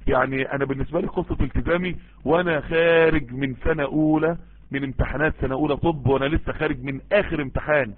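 An Egyptian preacher answers listener messages in an informal Islamic sermon full of advice, his voice rapid, husky and fairly high. He sounds earnest and emphatic, often repeating phrases for stress, with an Egyptian Arabic accent. The dry recording is thin and tinny, like a phone line.

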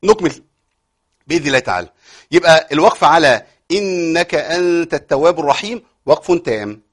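A man's voice: on the high side, expressive, brisk. A man with an Egyptian accent teaching a tajweed lesson, explaining rules, asking rhetorical questions and answering them himself. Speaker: Quran recitation teacher. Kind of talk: tajweed lesson with recited examples.

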